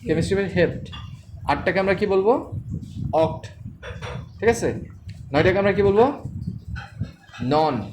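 A man's voice: high-pitched, expressive, measured pace, pauses often. Chemistry tutor quizzing his class, noisy recording. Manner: quizzes students with repeated questions. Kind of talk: classroom teaching.

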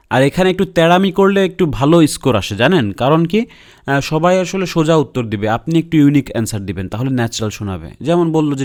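A man's voice: on the high side, darkish tone. A young man with a Bangladeshi accent giving a casual IELTS lesson, blunt and teasing, full of filler sounds and "okay?" checks. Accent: Bangladeshi Bengali. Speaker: IELTS tutor.

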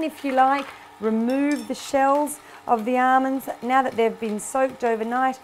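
A woman's voice: fairly high pitch, darkish tone, slight background noise. A middle-aged Australian woman hosting a cooking show, chatty and upbeat, explaining each step of a kitchen demonstration on a lapel mic. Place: home kitchen studio.

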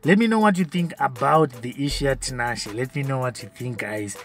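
A man's voice: mid-range voice, fairly quick, faint music behind. A young Zimbabwean man hosting a podcast, chatting casually with frequent laughs as he reads out comments. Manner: chatty, laughs often, mixes in Shona phrases. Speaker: podcast host. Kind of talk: casual commentary reading social media comments.

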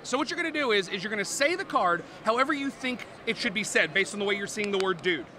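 A man with a high, very bright and forceful voice gives a lively game demo on a convention floor. He jokes with the camera and talks like an eager salesman. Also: fast talker, slight background noise. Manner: playful, animated, jokey salesman. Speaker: board game publisher representative. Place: busy convention hall.

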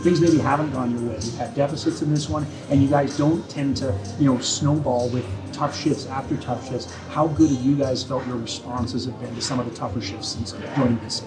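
A man's voice: medium pitch, fairly even intonation, fairly quick, few pauses, music in the background, low-quality recording. A man interviewing a hockey player after a game, chatty with long setup questions, on a handheld mic in an indoor ice arena. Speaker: team broadcaster.

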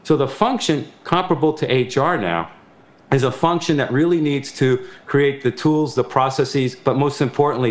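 A man in his fifties, a procurement executive, answering a panel question in a measured, earnest way over a video call from an office. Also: mid-range voice, roomy sound. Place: office room with window, remote link.

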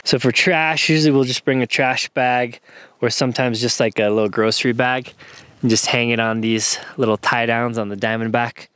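A man in his thirties narrating a casual camping vlog outdoors, explaining his gear in a relaxed, easygoing way. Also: medium pitch, clean tone, no room sound. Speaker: camping vlogger. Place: outdoors at a mountain campsite.

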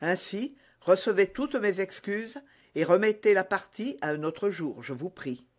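A man's voice: high voice, animated, a little slow. A man voicing a young impetuous musketeer hero, speaking with urgent earnestness in a storybook reading.

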